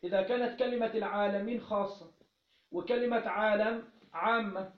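A man's voice: high-pitched, fairly even intonation, fairly quick. A man with an Egyptian accent teaching a religious text, asking questions and then answering them himself, often repeating key phrases. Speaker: teacher of Islamic jurisprudence. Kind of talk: religious lesson, explaining a text. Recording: roomy, dull lo-fi recording.

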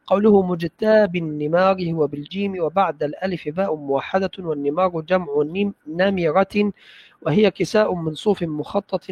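A man with a somewhat high voice reads classical religious texts aloud, steady and careful. The sound is dull and lo-fi, with a dry, close feel. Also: no room sound. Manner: measured, careful recitation with brief checks of the text. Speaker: student reading hadith texts aloud. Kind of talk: classical text recitation in a study session.

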